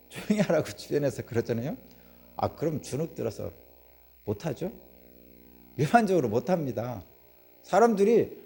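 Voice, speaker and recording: A man's voice: on the high side, creaky, darkish tone, husky. A man preaching a sermon as pastor, telling the story vividly, asking the congregation questions and acting out the voices of the crowd.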